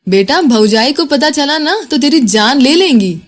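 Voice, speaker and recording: A woman voicing a teasing young male hostel friend with rough banter. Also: high-pitched, animated, a little slow, faint music behind, pitched above the performer's own voice.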